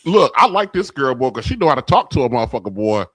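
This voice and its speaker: A man's voice: mid-range voice, sing-song, fast, no room sound, rough recording. A man co-hosting a casual podcast, blunt and slangy, often laughing. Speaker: co-host.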